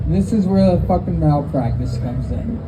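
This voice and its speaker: A woman's voice: sits low, expressive, normal speed, muffled recording, music in the background. A woman telling stories as a first-time stand-up comedian at an open mic, in a conversational, profane way. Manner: profane, conversational, acts out quoted dialogue. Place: live open mic venue. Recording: noisy live recording, background ambience.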